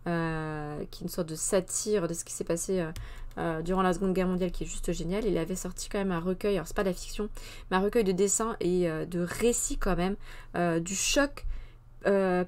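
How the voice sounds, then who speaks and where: Chatty woman hosting a hesitant book review. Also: medium pitch. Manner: hesitant, many fillers and self-corrections; chatty, frank personal opinions. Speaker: host of a culture segment. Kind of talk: casual live-stream book review.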